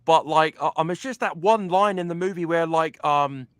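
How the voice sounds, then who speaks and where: A man's voice: on the high side, moderate pace, noisy background. A man hosting an interview, talking eagerly and casually with many fillers like a devoted fan. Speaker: host.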